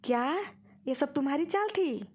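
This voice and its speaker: A woman's voice: sits high, lively intonation, normal speed, a little mellow. A woman voicing a complaining aging woman who pretends to be forgetful in a cartoon. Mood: remorseful. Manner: complaining, whiny. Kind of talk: cartoon voice acting.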